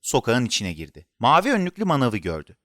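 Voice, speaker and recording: A man narrating a children's story in an expressive, animated storytelling manner. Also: mid-range voice, fast talker, no room sound, clean studio sound.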